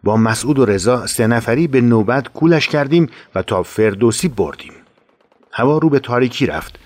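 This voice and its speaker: A man reads a first-person war memoir in a grave, steady voice of ordinary male pitch. He lends the account dramatic weight without rushing, like a scripted audiobook narration.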